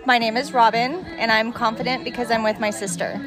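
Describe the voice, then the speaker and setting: High-voiced woman chatting at a busy pool party. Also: fairly even intonation, a little fast. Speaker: interviewed camp guest. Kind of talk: casual chat at a pool party. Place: outdoors in a pool. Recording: loud music and crowd behind.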